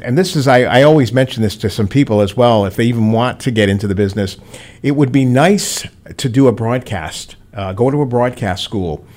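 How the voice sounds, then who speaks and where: Middle-aged man, veteran DJ, loose rambling advice, studio mic. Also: medium pitch. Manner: rambling, storytelling with animated quoted voices. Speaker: veteran radio DJ and guest. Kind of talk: casual radio chat giving advice. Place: radio studio.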